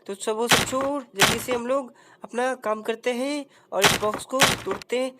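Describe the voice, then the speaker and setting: A woman voicing a playful cartoon boy who talks slowly and bossily, with a drawn-out, sing-song delivery in a comic gameplay voice-over. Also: fairly high pitch, heavy background noise, lightly acted. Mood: teasing.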